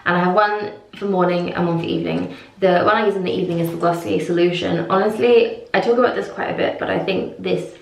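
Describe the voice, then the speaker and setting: A woman's voice: lowish voice, fairly even intonation, fast, vocal fry. Woman chatting in an echoey bathroom. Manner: chatty, informal, self-deprecating asides. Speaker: beauty vlogger. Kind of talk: casual chat to camera, morning routine walkthrough. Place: small indoor bathroom.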